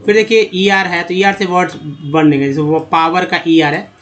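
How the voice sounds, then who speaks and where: A man teaching English pronunciation over a screen lesson. He talks slowly, spelling out letters and repeating words. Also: sits high, steady tone, a bit bright. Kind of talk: screen-based spoken lesson.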